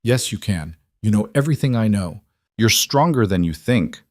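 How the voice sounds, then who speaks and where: A dying old father, voiced by a male narrator, raspy and weak. He speaks faintly but insistently in a low tone. The recording is dry. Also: animated, moderate pace, no echo, close to an everyday voice. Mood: weak insistence.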